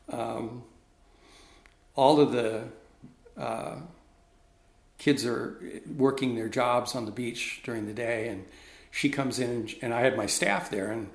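Middle-aged man telling a story, roomy echo. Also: medium pitch. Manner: animated, reenacts dialogue. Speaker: ministry leader. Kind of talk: storytelling in a conversation. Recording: roomy echoey room.

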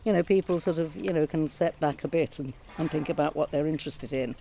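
Mellow-voiced woman in her sixties. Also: sits low, soft background music. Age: 60s. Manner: thoughtful, measured, reflective. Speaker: retired teacher, guest. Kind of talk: casual conversation. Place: garden outdoors by a pond.

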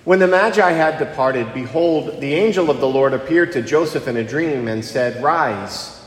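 Priest with cathedral echo. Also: male voice, medium pitch, moderate pace, a little hiss or hum. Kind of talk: gospel reading and homily. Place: large church. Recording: long church reverb.

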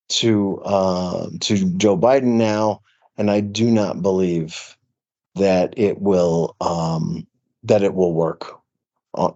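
A man co-hosting a podcast, talking earnestly in casual political chat with many halting restarts. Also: low voice, mellow, lo-fi sound. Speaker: podcast co-host.

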